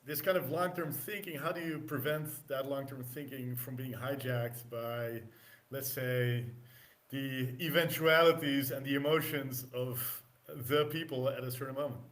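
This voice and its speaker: A man hosting a casual live discussion, asking thoughtful questions with frequent hesitant pauses. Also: medium pitch, fairly even intonation, a bit bright.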